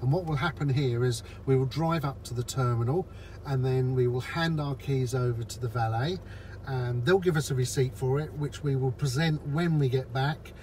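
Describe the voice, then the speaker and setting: With a mid-range voice and a darkish tone, a vlogger chats from inside his car in traffic, casually narrating his drive and explaining every step to viewers. Road noise is audible in the recording.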